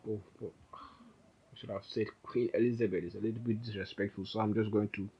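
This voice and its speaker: A man's voice: on the low side, fairly even intonation, a little fast, breathy edge, muffled recording. A man giving an informal, rambling coding tutorial, often correcting himself as he types. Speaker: programming instructor. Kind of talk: casual screen-recorded coding tutorial.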